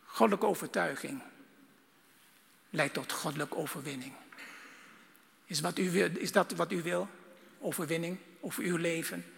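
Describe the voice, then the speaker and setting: A man preaching a sermon with fervour, swinging between loud bursts and hushed lines. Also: a little high, creaky, big-room sound, a little hiss or hum.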